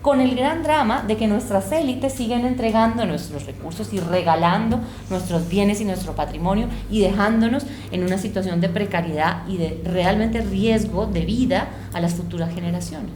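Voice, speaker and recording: A woman's voice: medium pitch, moderate pace, few pauses, echoey room, noisy background. A woman from El Salvador and Colombia, a university lecturer, speaking earnestly and with passion as an interview guest. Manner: earnest, impassioned, reflective. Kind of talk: conversational interview.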